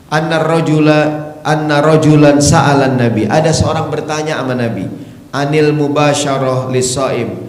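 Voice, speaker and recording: A man giving a humorous sermon, joking with the congregation and acting out voices. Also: mid-range voice. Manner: joking, lively, acts out voices. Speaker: preacher. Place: mosque hall. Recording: echoey hall, faint background noise.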